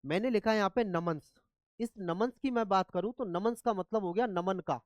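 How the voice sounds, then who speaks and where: A man's voice: high voice, fairly quick, dry recording. A man teaching English grammar in a classroom lecture, often checking whether students follow. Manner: asks students repeatedly if they follow.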